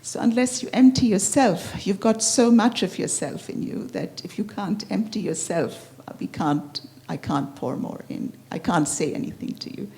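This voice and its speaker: A woman voicing a calm, wise old male monk in a spoken parable, explaining patiently. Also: mid-range voice, moderate pace, hardly any pauses, natural voice.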